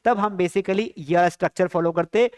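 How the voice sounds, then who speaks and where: A man teaching spoken English in a live-streamed lesson. He drills sentences, keeps asking the students questions, and slows down to spell out the English phrases. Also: high voice, a little mellow, no room sound, clean studio sound.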